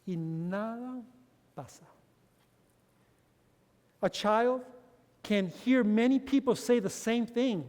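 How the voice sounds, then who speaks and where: High-voiced man preaching in a reverberant hall. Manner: preaches each point in Spanish, then repeats it in English; calls the congregation brothers. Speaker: pastor. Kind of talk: bilingual sermon.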